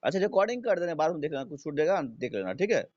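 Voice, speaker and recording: A man's voice: fairly high pitch, sing-song, racing, darkish tone. A man teaching a live online class, who keeps asking his students if they follow and repeats his own questions. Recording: dull lo-fi stream audio.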